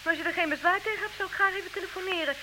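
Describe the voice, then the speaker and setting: A high, flustered duchess. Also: female voice, rapid-fire. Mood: polite. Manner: hesitant, apologetic and polite. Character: flustered, polite noblewoman, a duchess. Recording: hissy old radio recording.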